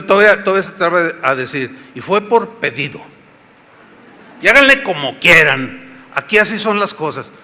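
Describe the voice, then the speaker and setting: A man's voice: fairly high pitch, sharp tone. A man with a Mexican accent preaching a sermon, telling a story dramatically and asking the audience rhetorical questions. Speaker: pastor. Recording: echoey hall.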